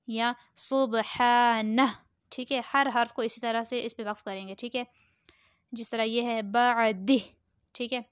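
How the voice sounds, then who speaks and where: A woman teaching Quran reading, spelling each word out syllable by syllable in a slow, drawn-out way, then adding short explanations. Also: on the high side, clear, resonant tone, dry recording, clean studio sound. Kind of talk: slow spelled-out recitation lesson.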